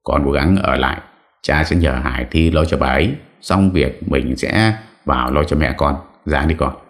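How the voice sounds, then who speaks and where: A flustered middle-aged father talks in a hurried, fretful way, voiced by a man. The voice is extremely deep, close to the reader's own, in an audiobook story.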